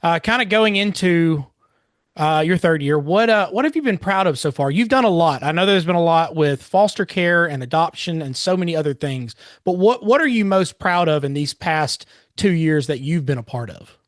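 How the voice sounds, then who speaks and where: A man hosts a podcast in a chatty, friendly way, with restarts and uhs. His voice sits fairly high for a man. The sound is dry and close to the mic. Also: lively intonation, normal speed, no echo. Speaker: podcast host. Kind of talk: casual interview.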